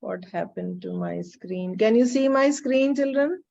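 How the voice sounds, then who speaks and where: Captured via a video call computer mic with dull, lo-fi audio, this screen recording features a woman with an Indian accent teaching chemistry online. Her voice runs on the high side, expressive, creaky and mellow, at a measured pace. She names students as she calls on them and checks they understand.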